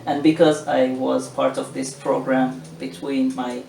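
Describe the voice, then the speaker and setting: Gravelly-voiced man from Morocco. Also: medium pitch, little pitch movement, measured pace, darkish tone. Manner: thoughtful, with frequent restarts and fillers. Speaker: interview guest. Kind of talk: casual interview answers. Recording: echoey room, mic at a distance, background noise.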